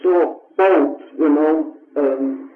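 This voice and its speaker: A woman in her seventies from Finland, a native Finnish speaker, recalls her childhood in an oral history interview, speaking slowly and pausing to search for words. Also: deep voice, faint music behind. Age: 70s. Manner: slow and reflective, pauses to search for words. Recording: tinny, echoey old tape recording.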